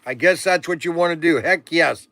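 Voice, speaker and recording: A man in his sixties chats loosely through a livestream, rambling and joking with his viewers. His voice sits high and bright for a man, and the sound is close and dry. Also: normal speed, dry recording. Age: 60s. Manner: rambling, chatty, joking with viewers and reading out chat comments. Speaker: livestream auction host. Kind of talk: casual livestream chat.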